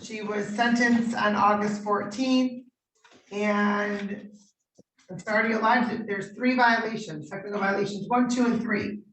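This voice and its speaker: A woman judge conducting formal court proceedings in measured, procedural questions, heard on a courtroom recording. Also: mid-range voice, fairly even intonation. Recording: roomy courtroom audio from a distant mic.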